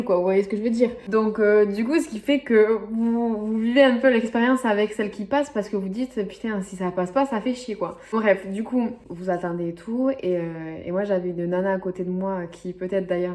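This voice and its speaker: A woman's voice: mid-range voice, a little mellow. A young woman from the French Basque Country telling a story to camera in a chatty, rambling way, full of fillers and asides. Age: young adult. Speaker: vlogger. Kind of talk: casual storytelling vlog.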